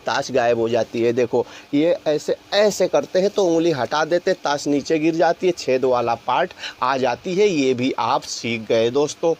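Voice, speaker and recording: A man's voice: a little high, a little mellow, slight background noise. A man giving an informal step-by-step tutorial on magic tricks, talking through each hand movement.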